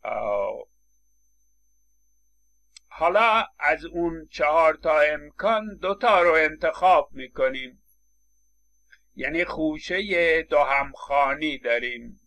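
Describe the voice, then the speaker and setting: A man's voice: on the high side, expressive, long pauses, bright, forceful tone. A man lecturing on English phonetics, explaining step by step with frequent hesitation fillers. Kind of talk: university lecture.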